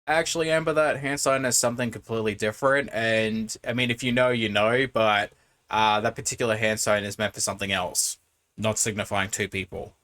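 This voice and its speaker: A man with a fairly low voice comments casually as a reaction video host. He talks in a critical way, explaining his points at length. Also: fairly even intonation, brisk, a bit bright.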